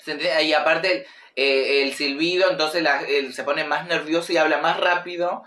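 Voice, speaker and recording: Guy reacting to a clip, chatty and analytical, slightly high voice. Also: steady tone, normal speed, pushed and bright, roomy sound, far from the mic. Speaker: video reactor and commentator. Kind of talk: casual reaction commentary.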